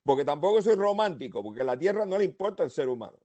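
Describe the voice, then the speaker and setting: A man from Colombia speaking, giving his views as a panelist in a seminar discussion in an animated, rambling way. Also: fairly high pitch, quick pace. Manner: animated, rambling, laughs between points.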